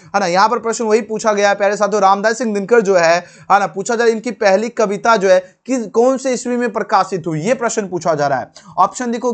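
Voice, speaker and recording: High-voiced man teaching an exam key. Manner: calls viewers "dear friends", repeats each question and asks them to answer; full of fillers. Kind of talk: exam answer-key walkthrough.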